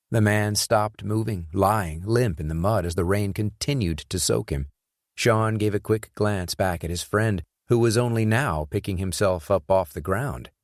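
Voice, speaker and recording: A man narrating an action thriller audiobook in a steady, measured storytelling voice, close on a studio mic. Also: fairly low pitch, no echo. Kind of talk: scripted narration.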